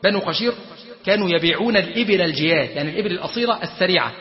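A man's voice: high voice, animated, very fast. A man with an Egyptian accent preaching a storytelling sermon, acting out quoted dialogue and dropping into colloquial asides. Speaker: sheikh giving a lecture. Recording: long reverb, dull lo-fi sound.

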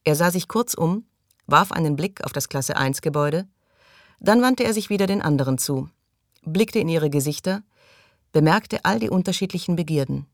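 A woman narrating an audiobook in an even, measured way. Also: deep voice, no room sound, studio quality. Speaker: audiobook reader. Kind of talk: scripted narration.

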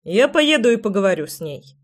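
Measured, knowing brother, voiced by a woman in an audiobook. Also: mid-range voice, big pitch swings.

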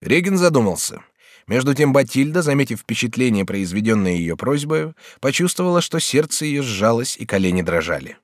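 A man narrating a classic historical novel as an audiobook in a steady, measured way, recorded in a studio. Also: medium pitch, no echo.

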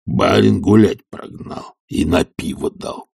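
A man voicing a lazy, stubborn old servant who grumbles slowly and sullenly in an audiobook. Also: low voice, fairly even intonation, creaky, a little mellow, breathy edge, no echo, studio quality, recorded from a distance, exaggerated voice. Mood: grumbling. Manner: slow, sullen, mumbling. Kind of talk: audiobook character reading.

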